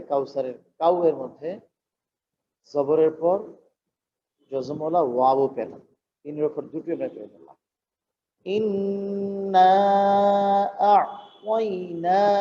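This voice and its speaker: A man, an imam, teaching Quran recitation. He explains patiently and chants the verses long and drawn out. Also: a little high. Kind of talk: slow Quran recitation lesson. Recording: dull lo-fi recording with faint noise.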